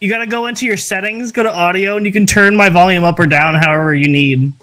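A man with a high voice, joining friends in a gaming session. He gives amused, bossy step-by-step instructions over voice chat. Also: steady tone, fast, a bit bright. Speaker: co-player.

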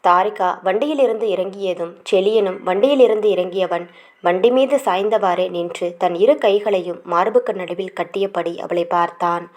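Female audiobook narrator, romance serial, steady and even. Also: mid-range voice, moderate pace. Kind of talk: scripted narration of a romance novel.

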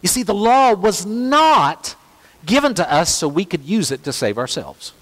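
Pastor guy preaching, high lively voice swinging all over, big echoey church hall. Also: a little slow. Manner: storytelling, acting out both sides of an imagined talk with his daughter. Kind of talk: sermon. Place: church sanctuary. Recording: long hall reverb.

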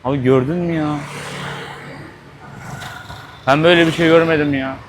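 A man's voice: a little high, fairly even intonation, racing. A man filming a travel vlog on a busy street, talking straight to his viewers with shocked exclamations and swearing. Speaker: travel vlogger. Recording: faint street noise behind.

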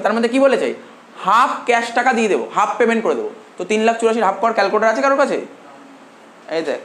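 A male commerce tutor from India giving a classroom lecture, dictating notes slowly with repeated phrases and quizzing his students as he goes. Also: high voice, a bit bright. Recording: roomy classroom echo, faint hum.

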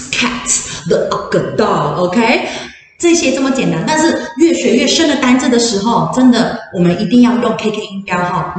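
Brief: female English teacher, animated presenter quizzing the room, off-mic in a boomy classroom. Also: a little hiss or hum. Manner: switches between Mandarin and English, quizzes the audience. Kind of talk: info session talk to parents and children. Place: classroom with an audience. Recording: echoey room, distant mic.

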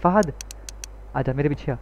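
Man streamer yelling gameplay orders. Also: moderate pace, a little hiss or hum. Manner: shouts instructions, voice jumps high when panicking. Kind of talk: excited co-op gameplay chatter.

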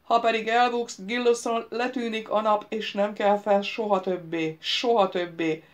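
A woman voicing an unseen, imperious male voice that questions and mocks a prince in a loud, commanding way. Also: medium pitch, voice pushed up, natural voice.

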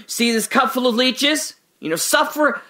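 In this radio-drama piece, a voice actor gives an exaggerated turn as a detained man who is bitter and sardonic, rambling without hurry. The very high voice is bright and forceful, shifting between quiet, brooding reflection and indignant bursts.

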